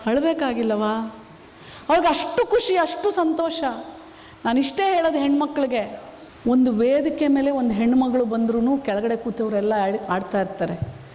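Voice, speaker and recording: A woman's voice: high voice, moderate pace, dark tone, a little hiss or hum. A woman, an activist giving earnest motivational advice in an interview and often putting rhetorical questions to her listeners. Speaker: women's rights activist. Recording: echoey room with long reverb.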